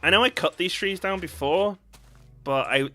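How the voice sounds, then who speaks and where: A man's voice: high-pitched, normal speed, sharp tone, faint music behind. A man streaming a survival game, chatting to viewers and yelping at sudden scares. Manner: jumpy, reacts with sudden yelps and chatty asides to chat. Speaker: gaming streamer. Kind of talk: live gameplay commentary.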